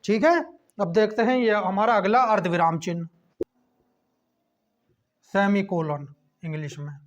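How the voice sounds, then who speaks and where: A man teaching a class lesson, checking in with a quick "okay" between points as he explains. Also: sits high. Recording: dull lo-fi recording.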